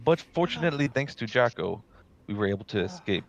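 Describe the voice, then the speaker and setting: A man earnestly telling his character's story in a tabletop game, a bit halting. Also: mid-range voice, big pitch swings, vocal fry. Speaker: player. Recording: dull lo-fi mic.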